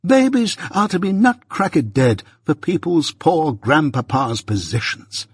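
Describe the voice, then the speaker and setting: An exasperated gentleman at the end of his patience, performed by a man reading a storybook. His husky voice climbs high as he protests, helpless and desperate. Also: sing-song, measured pace, no echo, clean studio sound, exaggerated voice. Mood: helpless despair. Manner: desperate, remonstrating. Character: exasperated, helpless, despairing gentleman husband and father.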